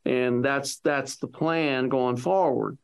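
A man with a gravelly, fry-heavy voice at a middle pitch recounts a personal story for an interviewer. He rambles and circles back, leaning on "you know", and slips into the voices of the people he quotes. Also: fairly even intonation, slow. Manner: acts out quoted speech of others.

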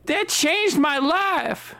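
A person playing a theatrical man, high and lively. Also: very slow, creaky, heavily acted. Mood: dramatic. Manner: theatrical, over-the-top. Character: dramatic man who lost his British accent.

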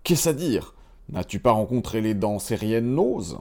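A man's voice: on the low side, very animated, measured pace, warm tone, exaggerated voice. A man voicing a scheming storybook stepmother who frets over her daughter, speaking in a raised, pleading way. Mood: alarmed.

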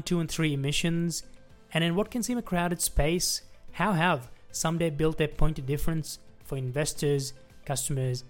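A man hosting a podcast interview, asking questions in an upbeat, friendly way. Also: on the high side. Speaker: podcast host.

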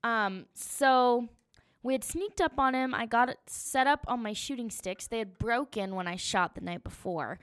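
Young woman, hunter recounting her trip; smooth, clear voice, animated and chatty. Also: on the high side, moderate pace. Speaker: hunter telling her story. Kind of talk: casual storytelling.

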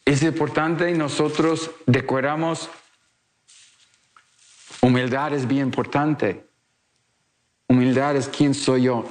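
A male priest giving a slow, earnest sermon in broken, Spanish. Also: mid-range voice.

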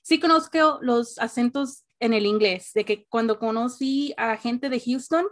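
High-voiced bilingual woman hosting a chat. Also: a little slow. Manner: chatty, mixes in English words, laughs easily. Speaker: podcast host. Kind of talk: casual conversational interview.

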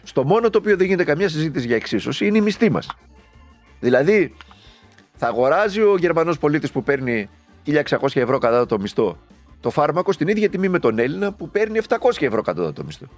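Man, political commentator, indignant and sarcastic, rhetorical questions, very animated pitch. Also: soft background music. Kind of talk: impassioned political monologue.

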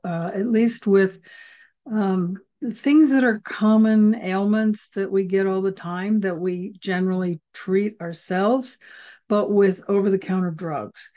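Her voice sits on the low side with a dark tone. This woman from the United States is hosting a podcast and teaching about herbal remedies, wandering through casual, chatty explanations packed with fillers. The video call recording is a bit dull.

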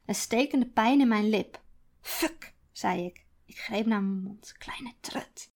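A woman author reading her own first-person story aloud, quiet and deliberate. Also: mid-range voice. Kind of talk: storytelling narration.

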